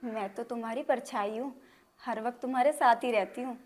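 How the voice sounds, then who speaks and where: Give me a woman playing a loving young village wife with a soft, slightly high voice. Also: brisk, close to an everyday voice. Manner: soft, affectionate. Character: devoted young village wife, tender-hearted.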